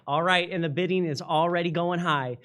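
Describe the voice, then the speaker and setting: A man calling a live charity auction, energetic and loud, counting down bids. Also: fairly high pitch, a little fast.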